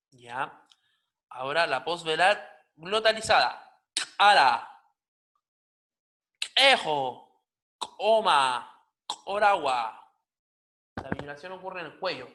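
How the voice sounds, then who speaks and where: A man with a Chilean Spanish accent teaching a pronunciation lesson, repeating example words slowly with strongly stressed consonants. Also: high voice, bright, forceful tone. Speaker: Aymara language teacher.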